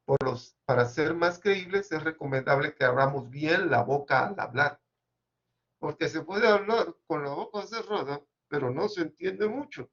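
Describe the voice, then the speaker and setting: A man giving an academic seminar presentation, measured and explanatory with occasional hesitations, on a dull lo-fi recording. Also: on the high side, expressive, fairly bright tone.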